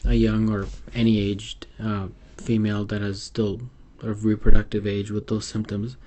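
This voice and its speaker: A man's voice: fairly low pitch, completely flat delivery, normal speed, dark tone. A man giving an unscripted medical exam tutorial over slides, hesitant and full of fillers and restarts. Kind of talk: unscripted instructional lecture.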